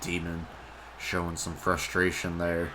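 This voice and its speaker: Deep-voiced male wrestling commentator, very noisy. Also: monotone, a little slow. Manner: calls moves in short clipped phrases. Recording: very noisy recording.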